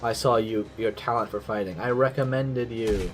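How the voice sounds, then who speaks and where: A man's voice: lowish voice, moderate pace, faint music behind, lightly acted. A man voicing a proud, dying male grand duke who heads a clan and refuses to accept defeat, with an indignant, pleading delivery. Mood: bitter.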